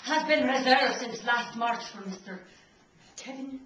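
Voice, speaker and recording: A woman playing a fussy, over-polite hotel manager who chats on brightly, recorded live on a theater stage. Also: high voice, unhurried, a little hiss or hum. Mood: fawning. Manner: chatty, fawning, over-polite. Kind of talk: live stage comedy acting. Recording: echoey stage from a distant mic.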